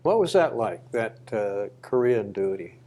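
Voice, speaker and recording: A man's voice: lowish voice, very animated, a little slow, dark tone. An older man interviewing someone casually, folksy, asking short questions and repeating answers back.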